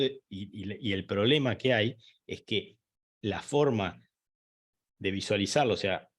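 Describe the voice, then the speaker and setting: A man giving an online training lecture, explaining step by step with fillers, restarts and frequent checks with the listener. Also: lowish voice. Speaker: instructor.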